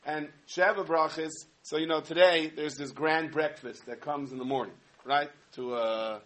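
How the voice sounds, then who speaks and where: A man giving a humorous sermon, telling stories in an animated way with many asides. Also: fairly high pitch, moderate pace. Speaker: rabbi giving a talk.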